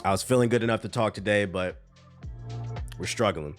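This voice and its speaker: With faint music behind him, a man whose voice sits on the low side speaks at a moderate pace on a live stream. He's stuffed up from a cold, reading news aloud and then chatting casually in response to chat.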